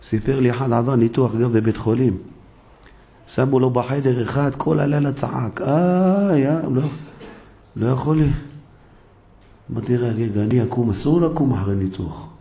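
A man's voice: mid-range voice, vocal fry, highs cut off. A man, a rabbi, giving a sermon in a synagogue. He tells everyday stories and acts out the people in them. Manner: animated storytelling, acting out the people in his stories. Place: synagogue, recorded for a live broadcast.

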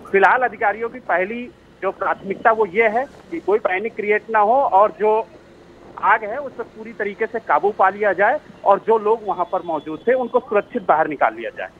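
A male field reporter giving a live report from the scene over the phone, explaining steadily with some hesitations. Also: sits high. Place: outdoors near a mall. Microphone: phone line. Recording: muffled phone audio with faint background noise.

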